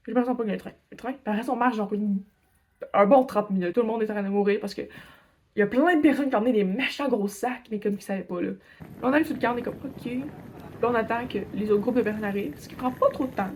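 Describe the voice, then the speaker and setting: A woman's voice: mid-range voice, fast talker, darkish tone, husky. A young woman from Quebec with a Québécois French accent, telling a story in a casual vlog, chatty and rambling with lots of filler words. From Quebec, Canada. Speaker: vlogger. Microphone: phone camera.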